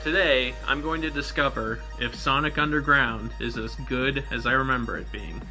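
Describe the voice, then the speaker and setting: A man's voice: medium pitch, moderate pace, pushed and bright, faint music behind. A man giving a comedic review of an old cartoon, with wry, joking asides. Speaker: retro game and cartoon reviewer.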